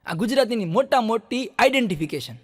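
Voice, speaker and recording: Kathiyawadi guy doing standup, acts out all the folks in his jokes, pretty high voice, echoey hall. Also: a little fast, slightly rough. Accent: Kathiyawadi Gujarati. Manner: lively storyteller who acts out the people in his jokes. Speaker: stand-up comedian.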